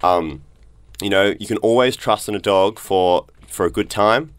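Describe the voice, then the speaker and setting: Man, low voice, playful, rambling, laughing, podcast dating-game banter. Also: unhurried, clean tone, dry recording. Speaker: podcast co-host playing a dating-game bachelor. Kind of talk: joking studio banter.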